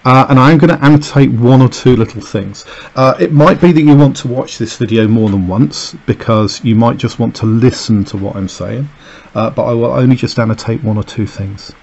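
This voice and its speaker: A man teaches a recorded lesson, talking through an extract and annotating it with many fillers and "okay"s. His mid-range voice is gravelly and darkish, at a moderate pace. It's a lo-fi voice-over over a camera filming a page on a desk.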